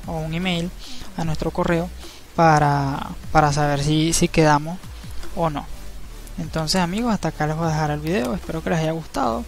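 A man narrating a screen-recorded tutorial, explaining each step in a relaxed, easygoing way and often checking in with the viewer. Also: fairly high pitch, normal speed, creaky. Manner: relaxed, step-by-step, frequent tag questions. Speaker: crypto channel host. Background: faint background music.

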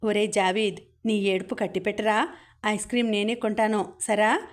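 A woman's voice: medium pitch, steady tone, moderate pace, natural voice. A woman reading the lines of a teasing young male college student who banters with and scolds his friends, in an audiobook.

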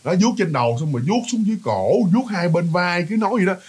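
In a relaxed ghost-story narration, a man speaking with a Southern Vietnamese accent keeps talking to his audience, repeating words and dropping in fillers. He rushes along in a slightly husky, fairly high voice with a lively swing.

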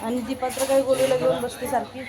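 A woman's voice: high-pitched, flat delivery, a little fast, a crowd in the background. A woman, chatting casually as she shows her family and rural home in a vlog. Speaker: vlogger. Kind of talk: casual village vlog narration.

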